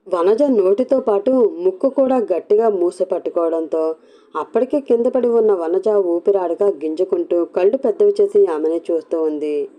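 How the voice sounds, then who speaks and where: A woman narrating a serialized story in a steady, expressive way. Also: medium pitch.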